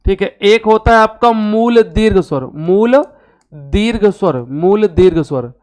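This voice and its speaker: Male language tutor, exam-prep lecture, smooth clear voice, asks and answers his own questions. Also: high-pitched, animated, a little slow, darkish tone. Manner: repeats key terms for emphasis. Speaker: Hindi teacher.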